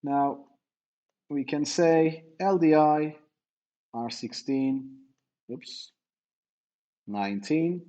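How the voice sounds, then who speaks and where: A man's voice: fairly high pitch, very slow, pauses often, warm tone. A middle-aged man giving a university lecture, explaining step by step with fillers and self-corrections.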